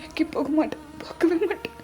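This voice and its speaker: A woman's voice: fast talker, lightly acted. A woman voicing a devoted young daughter, weepy and pleading through tears, with faint music underneath. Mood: tearful. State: crying.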